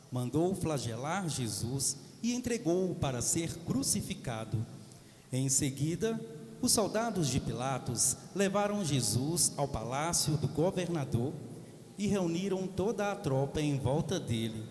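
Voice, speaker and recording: A man narrating the Passion Gospel in church, reading slowly and steadily. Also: a little high, a little mellow. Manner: slow, measured reading. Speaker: reader of the Passion. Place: large cathedral. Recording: echoey cathedral hall.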